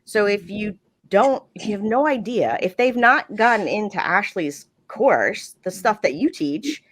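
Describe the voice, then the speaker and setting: A woman's voice: medium pitch, animated, unhurried. A woman dispatcher telling a story in casual podcast chat, chatty and full of "like"s. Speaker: 911 dispatcher and podcast guest.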